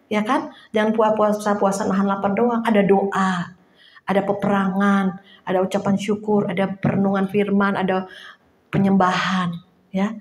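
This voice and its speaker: A woman preaching an informal sermon to a small house church, chatty and lively, laughing now and then and acting out little quotes. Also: mid-range voice, normal speed, echoey room.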